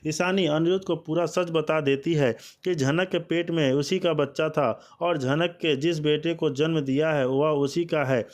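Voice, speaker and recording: A man's voice: fairly high pitch, fairly even intonation, normal speed, few pauses. A man narrating a TV serial recap, calling viewers his friends, with loose, stumbling phrasing.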